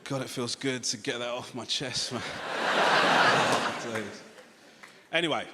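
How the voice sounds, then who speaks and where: A man in his thirties performing a stand-up comedy set, animated and swearing freely as he acts out quoted lines. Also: mid-range voice, slow, very noisy. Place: large comedy venue with a live audience. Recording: hall reverb with loud audience laughter.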